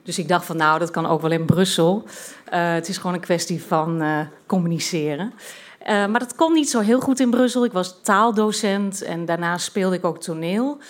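A woman's voice: lowish voice, normal speed. Chatty storytelling woman from Twente. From Twente, Netherlands. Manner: chatty, hesitant, many filler sounds. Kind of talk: personal story told at a live storytelling event.

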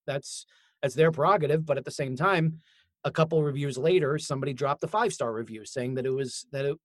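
A man's voice: on the high side, no echo. Casual, rambling man in a dry recording. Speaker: author. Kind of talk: casual conversation.

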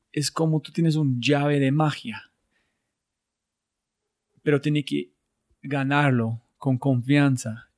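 A man hosting a casual interview who speaks haltingly and searches for his words as he builds his questions. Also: mid-range voice, darkish tone. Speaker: podcast host.

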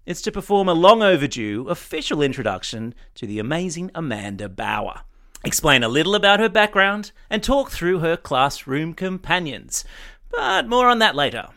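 A man's voice: fairly high pitch, big pitch swings, moderate pace, a bit bright. A man hosting a podcast, upbeat and playful as he interviews his guest. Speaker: podcast host.

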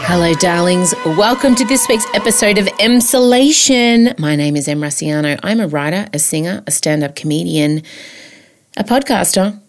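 A woman with an Australian accent and a fairly low voice chats through a comedy podcast monologue. She is campy and theatrical, mocking herself and swearing freely. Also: normal speed, few pauses, soft background music.

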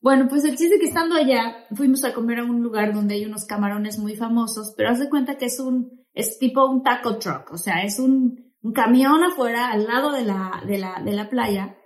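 A woman with a high voice, talking as a guest in a casual chat. She tells her anecdotes in a lively, chatty way. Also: moderate pace, few pauses.

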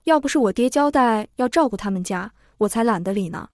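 An irritable innkeeper grumbles about old obligations in an impatient, fed-up tone, as a woman narrator puts him on. The voice is a little high. The storybook recording sounds dry. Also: lively intonation, fairly quick, darkish tone, no room sound. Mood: grumbling.

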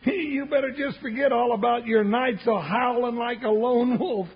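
An actor playing a folksy, jittery, good-hearted cowboy sidekick in a radio western, with an American Western drawl and a cracking voice. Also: male voice, normal speed, gravelly. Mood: cheerful teasing. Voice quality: very high-pitched, cracking voice. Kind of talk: 1950s radio western acting. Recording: dull old radio recording.

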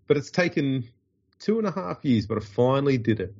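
A man's voice: mid-range voice, expressive, a little fast, darkish tone, highs cut off. A man with an Australian accent and a nasal, stuffed-up voice from a runny nose, hosting a podcast in casual, dryly joking banter. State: getting over covid with a runny nose. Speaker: podcast host.

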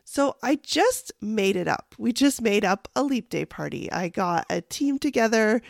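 A woman with a gravelly, lowered voice, hosting a solo podcast in a casual, conversational and encouraging way, speaking straight to the listener. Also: animated, unhurried, no room sound, studio quality. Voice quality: deep gravelly voice, sounding huskier than usual. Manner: encouraging, addresses the listener directly. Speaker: podcast host and life coach.

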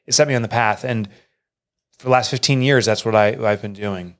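This middle-aged man, who writes books and runs businesses, recounts something personal during an interview, sounding sincere and emotional. He speaks a little fast, and his voice leaps higher when he repeats what others said.

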